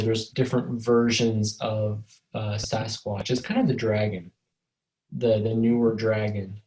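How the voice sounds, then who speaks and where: A man's voice: on the low side, darkish tone, rough recording. A man co-hosting a podcast in casual chat, rambling and swearing as he jokes, speaking over a video call. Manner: rambling, profane and joking. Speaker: podcast co-host. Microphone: video call over a mobile hotspot.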